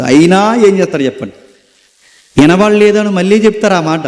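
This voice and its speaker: A man preaching a sermon, telling lively stories and putting questions to the congregation. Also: on the high side. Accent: Telugu. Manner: animated storytelling with questions to the congregation. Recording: echoey hall reverb.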